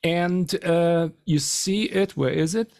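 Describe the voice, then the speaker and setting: Slow, halting man explaining guitar settings. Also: on the high side, vocal fry, a little mellow. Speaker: guitarist demonstrating amp settings. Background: faint guitar playing.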